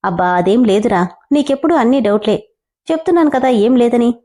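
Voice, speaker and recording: A woman's voice: on the high side, animated, brisk, dark tone. A woman narrator voicing a bold young heroine who answers sharply and defiantly. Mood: brushing off.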